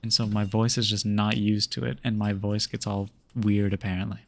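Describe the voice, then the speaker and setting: A man's voice: lowish voice, little pitch movement, normal speed, vocal fry, no room sound. A young man streaming a game, chatting casually with viewers in a laid-back, rambling way full of fillers and restarts. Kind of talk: casual chat while gaming.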